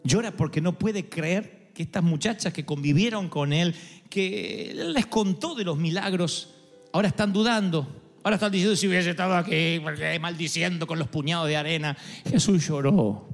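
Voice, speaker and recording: A man preaching a sermon to an audience, animated, acting out the voices of God and of people, and talking straight to the crowd. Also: fairly high pitch, moderate pace. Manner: addresses audience directly. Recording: long hall reverb with faint music.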